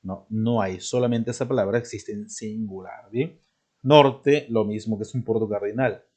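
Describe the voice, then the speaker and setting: A man's voice: lowish voice, normal speed, a little mellow, breathy edge. A male teacher giving a recorded grammar lesson, explaining step by step and checking in with his students.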